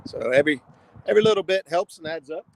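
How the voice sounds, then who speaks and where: A man with a gravelly voice chatting casually and in a folksy way as he hosts an outdoor fishing livestream, sometimes reading comments aloud. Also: on the high side, fast talker. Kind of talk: casual live chat while fishing. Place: outdoors on a riverbank. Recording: noisy outdoor livestream with traffic sounds.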